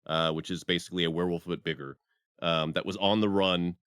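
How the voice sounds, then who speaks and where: A man chatting casually on a podcast who hesitates, restarts and fills his pauses with ums. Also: deep voice, steady tone, a bit bright, smooth, dry recording, studio quality. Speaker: podcast co-host and streamer. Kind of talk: casual chat.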